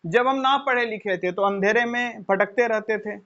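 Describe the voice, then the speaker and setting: High-voiced man lecturing with rhetorical questions. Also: moderate pace, a bit bright. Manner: asks rhetorical questions and answers them himself; addresses listeners as children. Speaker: teacher. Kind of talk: motivational classroom lecture. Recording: dull lo-fi recording.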